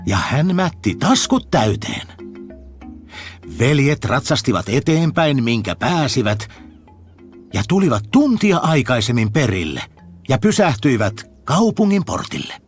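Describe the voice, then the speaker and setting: A man narrating a fairy tale with a very expressive reading. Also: medium pitch, slightly rough. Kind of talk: storybook narration. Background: faint music.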